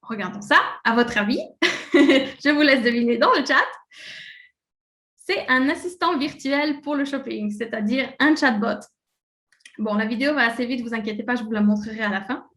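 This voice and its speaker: A woman's voice: a little high, normal speed, long pauses, fairly bright tone. Chatty Swiss-French woman presenting in an echoey room. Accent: French-speaking Swiss, speaking in a French way. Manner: casual and chatty, many fillers, laughs at slips. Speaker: presenter of a software webinar. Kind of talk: live webinar presentation.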